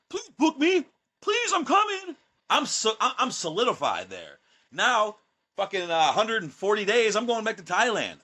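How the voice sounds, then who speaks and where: Brash, boastful man in his thirties, swears freely, voice sits a bit high and bright. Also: breathy edge. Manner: brash, profane and boastful, with mocking put-on voices. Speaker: guest, pro wrestler. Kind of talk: casual podcast chat.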